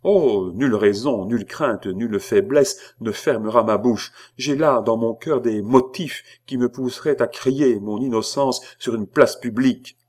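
A man's voice: mid-range voice, unhurried, few pauses, a little mellow, natural voice. A man reading an audiobook and voicing an indignant, scornful queen who bursts into vehement accusations. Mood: accusing. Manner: vehement, scornful, rising to outbursts. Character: proud, indignant queen, woman.

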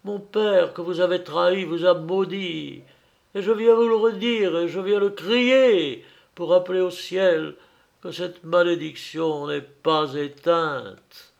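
A man voicing a dying old father who speaks gravely and in a measured way, rising to fervent curses. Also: fairly high pitch, a little mellow, muffled recording. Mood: vehement.

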